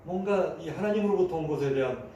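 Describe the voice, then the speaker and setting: A man's voice: on the high side, fast, warm tone, recorded from a distance, lo-fi sound, a little hiss or hum. A man preaching a sermon as a pastor, talking conversationally and acting out the voices he quotes. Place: church sanctuary. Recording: echoey room, voice from afar.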